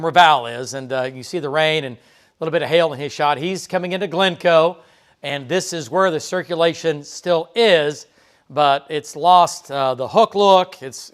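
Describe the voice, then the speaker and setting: A TV meteorologist covers a tornado live from the weather studio, his voice slightly higher than typical for a man, fairly bright and smooth. He explains the radar casually, peppering his talk with fillers and brief "okay?" checks.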